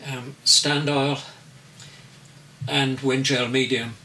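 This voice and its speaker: A man in his eighties, an artist answering interview questions in a slow, deliberate way as he searches for his words. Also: mid-range voice, flat delivery, sharp tone. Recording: distant mic with faint noise.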